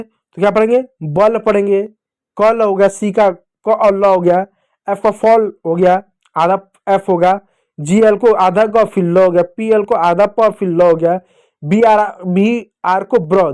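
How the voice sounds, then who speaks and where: A man's voice: high-pitched, darkish tone. A male teacher with an Indian Hindi accent, giving a lesson to children and patiently repeating points and answering his own questions.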